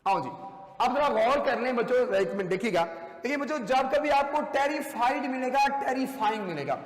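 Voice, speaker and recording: A man, with a very high-pitched voice, lecturing an English grammar class at a whiteboard. He talks emphatically and repeats key words for his students. The sound rings with long reverb in an echoey classroom. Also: expressive, brisk. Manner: emphatic, repetitive, addresses students as children. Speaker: English teacher.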